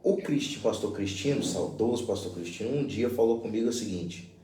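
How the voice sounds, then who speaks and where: A man's voice: on the low side, expressive, a little fast, dark tone, echoey room, recorded from a distance. A man, a pastor, sharing a friendly personal story in conversation. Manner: friendly, tells personal stories. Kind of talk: conversational anecdote.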